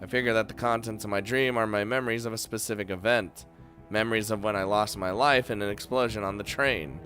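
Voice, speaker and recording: A man's voice: on the low side, a little fast, soft background music. A man playing a story game, reading its narration aloud and reacting with jokes and laughter. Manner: animated, laughs often, reacts loudly and jokes. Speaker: game streamer. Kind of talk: let's play, reading game text aloud with commentary.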